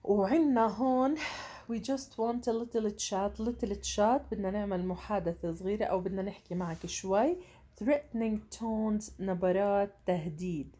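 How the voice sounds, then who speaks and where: A woman teaches an English reader, reading each sentence slowly and carefully before explaining it. Her voice is mellow and dark, and she speaks at an unhurried pace. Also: mid-range voice. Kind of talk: bilingual reading lesson.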